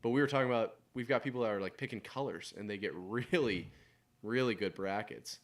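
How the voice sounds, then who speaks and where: A man's voice: fairly low pitch, fairly quick. A man hosting a casual sports podcast in a studio, rambling with lots of hedging and fillers. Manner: rambling, hedges with "like", laughs while talking. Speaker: podcast host.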